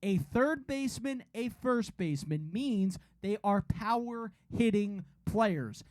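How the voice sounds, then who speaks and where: A man's voice: high voice, animated, takes it slowly, darkish tone, no room sound. Insistent man arguing sports on a podcast. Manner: argumentative, insistent, repeats himself. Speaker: podcast co-host. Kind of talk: casual sports banter.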